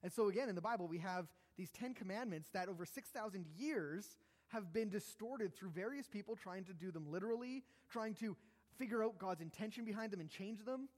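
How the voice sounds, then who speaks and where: Man, high voice, pastor, sermon, casual self-deprecating asides, long hall reverb. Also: fairly quick.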